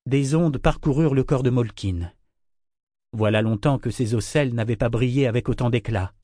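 Man, audiobook narrator, measured steady reading, mid pitch, dry sound. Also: no echo.

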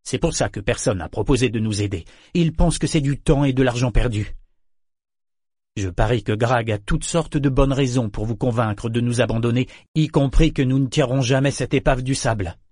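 A man's voice: mid-range voice, moderate pace, darkish tone, dry recording, clean studio sound, close to an everyday voice. A man voicing a blunt, sardonic male sailor in an audiobook, mocking and needling in his delivery. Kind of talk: audiobook character voice.

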